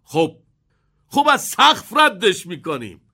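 A man's voice: high voice, very animated, pushed and bright, slightly rough, heavily acted. A man voicing an eccentric, kindly old chocolate maker in an audiobook, with a theatrical, chuckling delivery.

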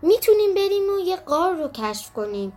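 A woman voicing a kind, patient father rabbit who talks in a gentle, reassuring way. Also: extremely high pitch, very animated, faint music behind, pitched above the performer's own voice.

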